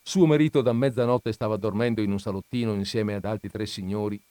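A man narrating a classic story as an expressive, dramatic audiobook reading. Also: lowish voice, fast talker, no echo.

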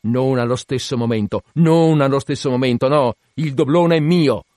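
A man voicing a fierce, obsessed whaling captain in an audiobook, shouting urgent, commanding orders to his crew in long, repeated cries. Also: medium pitch, normal speed, no echo, studio quality, close to an everyday voice. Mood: demanding, possessive.

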